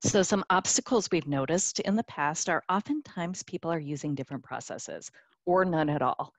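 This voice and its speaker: A woman's voice: low voice, lively intonation, moderate pace, dry recording. A woman co-presenting a business webinar over a conference call, upbeat, with frequent fillers and restarts. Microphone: conference call line.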